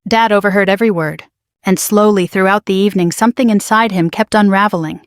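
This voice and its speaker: A woman narrates a first-person story in a measured, quietly dramatic way. Her voice sits at an ordinary middle pitch. The recording is close and dry, with no room sound. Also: dry recording.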